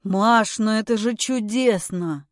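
A woman's voice: mid-range voice, takes it slowly, no room sound, studio quality, natural voice. Woman doing a frantic, pushy husband. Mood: excited. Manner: loud, agitated, pleading and bossy. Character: frantic, pushy husband, middle-aged man.

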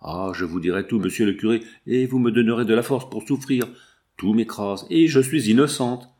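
A man's voice: fairly low pitch, moderate pace, darkish tone, lightly acted. A pleading young mother, read by a man. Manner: pleading, emotional. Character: anguished young widowed mother.

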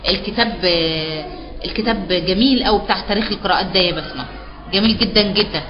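Quick-talking Egyptian woman teacher. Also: medium pitch, highs cut off. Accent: Egyptian Arabic. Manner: explains patiently, repeats key terms as questions. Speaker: Quran recitation teacher. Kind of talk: live online class.

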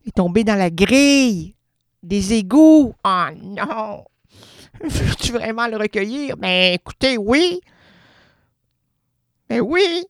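A Québécois-accented radio columnist with a high, animated, clear and resonant voice speaks slowly in a studio without echo. He delivers a rambling, theatrical, absurdist comedic monologue full of playful wordplay.

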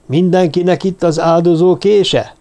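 A man's voice: sits high, fairly even intonation, mellow, pitched above the performer's own voice. A man reading an audiobook, voicing a fanatical male druid mage who leads a bloody rite with screeching, commanding calls. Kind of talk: audiobook character voice.

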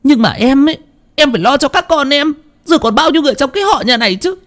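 A man voicing a middle-aged village woman who scolds her brother-in-law sharply and fast. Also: expressive, fairly bright tone. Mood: scolding. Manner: shrill, scolding, rapid.

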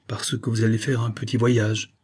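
A man's voice: on the low side, level tone, normal speed, a little mellow, slightly rough. A man doing a sly old farmer. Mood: knowing, insistent. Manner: knowing, folksy, insistent. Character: sly, shrewd, good-natured old Norman farmer.

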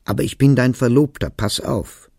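A man's voice: sits low, expressive, moderate pace, vocal fry, a little mellow, husky, no room sound, clean studio sound, heavily acted. A man voicing a jealous young soldier who hisses angry threats at his fiancée. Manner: harsh, hissing threats.

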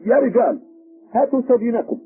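A man voicing a blustering, self-important male village constable who barks sharp commands, with a tinny phone-like sound. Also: very high-pitched, quick pace, faint music behind, pitched above the performer's own voice. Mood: commanding.

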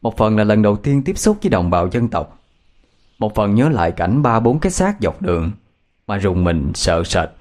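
A man narrating a ghost story as a lively, dramatic storyteller. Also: lowish voice, moderate pace.

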